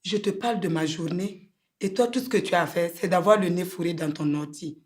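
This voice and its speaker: A woman acting out a devoted wife in a film, earnest and pleading in a low-set Burkinabè French voice. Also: fairly quick, close to an everyday voice.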